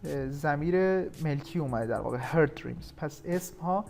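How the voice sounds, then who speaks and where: Man teaching grammar over soft music. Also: fairly high pitch, creaky. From Iran. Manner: explanatory, slows down to read English examples. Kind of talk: recorded grammar lesson.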